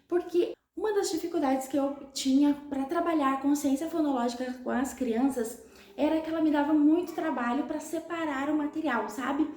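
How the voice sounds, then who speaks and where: A woman with a Brazilian Portuguese accent, a literacy educator explaining things to parents clearly, step by step. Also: high voice, reverberant.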